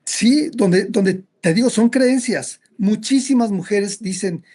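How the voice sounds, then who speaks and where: Guy, psychologist, kinda high voice, rambles and restarts a lot. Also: slow, dark tone, slightly rough. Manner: storytelling, acts out quoted characters. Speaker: psychologist guest. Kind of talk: conversational explanation.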